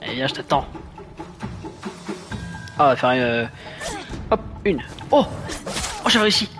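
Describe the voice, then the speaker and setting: A man's voice: medium pitch, very animated, unhurried, over music. A man giving casual, playful, exclamatory commentary as he plays a video game. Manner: exclamatory, playful, self-deprecating. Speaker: gamer, let's play host. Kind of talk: casual excitable gameplay commentary.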